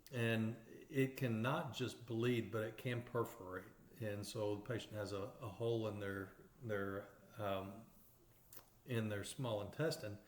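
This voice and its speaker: A man with an East Texas accent teaching radiography in a lecture over slides, explaining step by step with many fillers and restarts. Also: medium pitch. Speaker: radiography instructor. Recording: roomy echoey recording.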